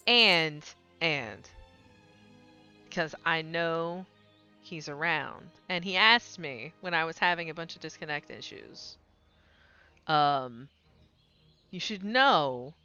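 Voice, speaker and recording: A woman's voice: low voice, bright, forceful tone, smooth. A woman streaming a game and chatting casually, rambling and laughing often. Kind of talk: casual gaming stream chat.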